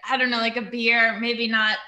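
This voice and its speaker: A woman chats on a podcast with a bright, forceful tone and a slightly high pitch. She laughs often and answers in short bursts. Her voice carries an echo from the room. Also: little pitch movement, moderate pace, muffled recording. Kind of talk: casual podcast chat.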